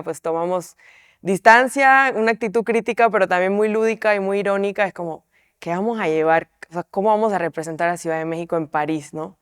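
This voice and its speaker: Reflective woman, smooth low voice. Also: dry recording, studio quality. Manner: reflective, tags sentences with questioning asides. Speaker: artist in a collective. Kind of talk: explaining an artwork in an interview.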